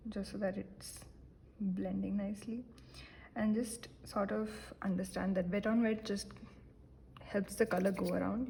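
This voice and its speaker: A young woman giving a relaxed painting lesson, chatty and self-deprecating, with many fillers and soft whispered asides. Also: mid-range voice, creaky, a little hiss or hum, poor audio. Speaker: art teacher. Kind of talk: casual painting tutorial.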